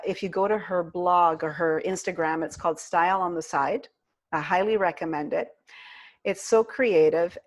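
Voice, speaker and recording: A woman hosting an interview, introducing her guest with effusive, gushing praise. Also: on the low side. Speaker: interview host.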